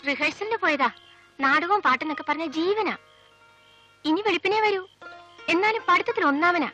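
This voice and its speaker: A cheerful younger sister who answers eagerly. Her voice is very high and bright, with faint music in the background. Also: normal speed, poor audio. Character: cheerful young girl, proud of her brother. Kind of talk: 1980s film acting.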